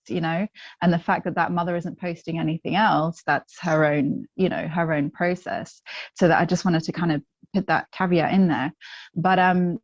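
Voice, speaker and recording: Low-voiced woman, chatty and candid. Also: a little mellow, dry recording, lo-fi sound. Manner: chatty and candid, with frequent ums and restarts. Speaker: guest, positive psychology coach. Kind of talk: casual conversational interview.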